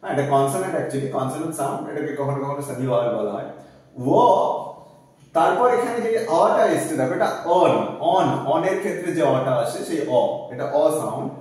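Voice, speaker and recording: A man's voice: on the high side, animated, brisk, darkish tone. A man teaching English phonetic transcription in a live class, breaking each word into single sounds and repeating it. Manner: spells out sounds one by one, repeating words. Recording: echoey room, far from the mic.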